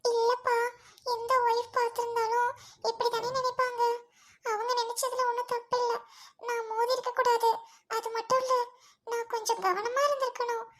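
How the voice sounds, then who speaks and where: A woman voicing a gentle young woman friend who soothes and apologizes softly. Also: very high voice, level tone, normal speed.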